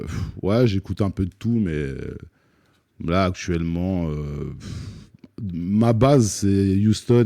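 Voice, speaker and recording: A man in his thirties with a very low, dark voice, talking loosely with many pauses and "euh" fillers. He answers a live stream's questions in a relaxed, joking way. The sound is dry and close, with no room echo. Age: 30s. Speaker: rapper guest on a live music stream. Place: studio set.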